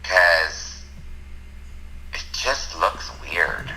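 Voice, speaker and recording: Bright-voiced man on a speakerphone call. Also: deep voice, lively intonation, extremely slow, rough recording. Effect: heard over a phone on speakerphone. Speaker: friend calling in to a live show. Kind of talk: casual phone chat.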